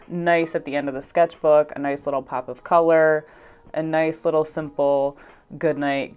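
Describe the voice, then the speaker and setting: Her voice deep, smooth and darkish, a young art vlogger narrates her painting in a loose, rambling chat. She sounds congested and fills the talk with fillers and little bursts of laughter.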